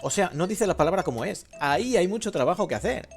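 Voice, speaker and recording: A man hosting a language lesson podcast, explaining in a lively, teacherly way. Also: high-pitched, fast, vocal fry, soft background music. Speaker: host.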